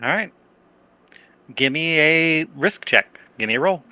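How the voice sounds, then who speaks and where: A man narrates a tabletop game as its game master. His voice is bright and forceful with animated pitch, and his delivery is playful and theatrical. The sound is close and dry. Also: measured pace, no room sound.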